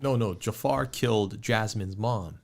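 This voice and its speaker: A man co-hosting a casual movie review podcast, reading viewer comments aloud in a halting way with frequent restarts. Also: on the low side, vocal fry. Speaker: podcast co-host.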